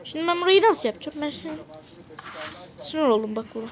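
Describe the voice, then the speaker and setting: A young gamer with a Turkish accent giving excitable, casual gameplay commentary and scolding the game characters. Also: high-pitched, fast. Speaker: gaming video creator.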